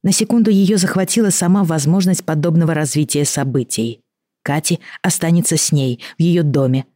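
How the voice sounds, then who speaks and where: Low-voiced woman reading a story. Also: dry recording, studio quality. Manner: measured, expressive reading. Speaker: narrator. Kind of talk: audiobook narration.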